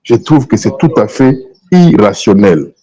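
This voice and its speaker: On a talk show, a guest from DR Congo with a Congolese accent voices strong political opinions, mixing French and Lingala and emphatically repeating himself. He sounds lowish, mellow, and breathy, expressive and unhurried, though the audio is dull.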